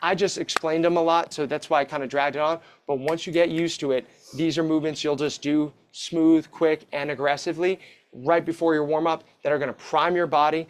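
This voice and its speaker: A man coaching an online workout class, giving encouraging instructions on movements. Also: fairly high pitch. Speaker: fitness coach.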